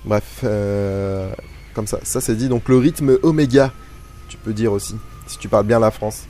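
A man hosts a live web radio show into a studio microphone, his voice mellow and dark. He rambles and pokes fun at himself, full of hesitations. A faint music bed plays under his talk. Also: fairly low pitch, little pitch movement, moderate pace. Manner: rambling, self-mocking, lots of hesitations. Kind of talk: casual live radio chat.

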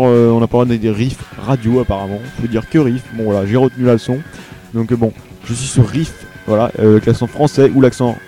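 A young man with a French accent, hosting a casual live web radio show from home. He talks in a halting way, with lots of fillers and restarted sentences. His voice has a mellow, darker color, and faint music plays underneath. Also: mid-range voice. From Paris region, France. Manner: hesitant, many fillers and restarts.

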